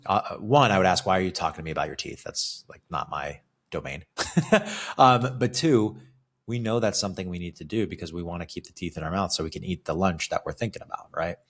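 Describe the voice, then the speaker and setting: Speaking a little fast in a low voice, a man from California talks through a solo motivational podcast as a fitness coach. He keeps it conversational, habitually finishing phrases with "right?" as a question.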